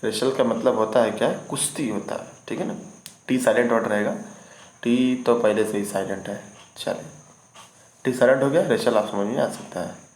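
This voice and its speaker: A man's voice: mid-range voice, normal speed, darkish tone. A man teaching vocabulary in an online lesson, repeating each word and often asking if students follow. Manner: repeats words and keeps asking "ठीक है ना?". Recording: echoey room with faint noise.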